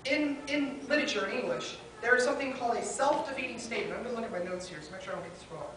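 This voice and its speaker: A woman with a slightly high voice preaches very fast at a pulpit microphone, earnestly piling up her points in short listed phrases. Faint hiss sits under her distant voice in a very echoey hall.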